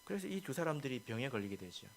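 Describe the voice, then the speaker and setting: A man, a pastor, preaching a sermon, asking the congregation questions and moving from soft asides to loud, emphatic lines. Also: mid-range voice, sing-song, fast. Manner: asks the congregation rhetorical questions.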